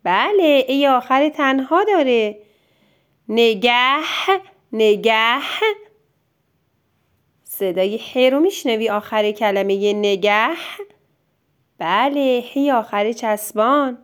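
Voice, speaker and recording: A woman teacher, dictating sentences word by word to a child and gently encouraging them. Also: a little high, smooth. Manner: drawn-out syllable-by-syllable dictation. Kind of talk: slow dictation lesson for a child.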